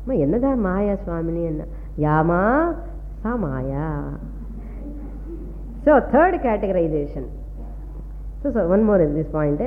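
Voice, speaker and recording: A woman's voice: lowish voice, sing-song, rapid-fire, long pauses, narrow, tinny audio. Woman, South Indian Tamil accent, didactic lecturer, repetitive phrasing, long hall reverb, faint noise and hum. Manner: didactic, repeats key phrases, checks understanding. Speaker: Vedanta teacher. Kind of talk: philosophy lecture mixing two languages.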